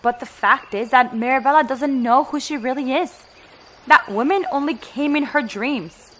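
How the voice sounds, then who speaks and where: A woman voicing a cautious, caring adoptive mother in an animated game story. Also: high voice, normal speed, slight background noise. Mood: wary, doubtful.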